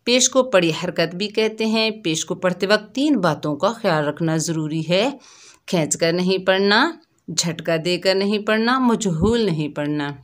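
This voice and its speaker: A woman teaching children to read Quranic letters, speaking patiently and sounding out each syllable slowly. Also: fairly low pitch. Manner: drawn-out syllable drills, spelling each letter then sounding it; patient, addresses listeners as dear children. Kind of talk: slow, careful recitation lesson for children.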